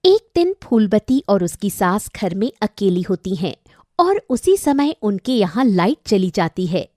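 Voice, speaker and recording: A woman narrating a cartoon family story in a lively storytelling manner. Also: medium pitch, unhurried, no echo, clean studio sound.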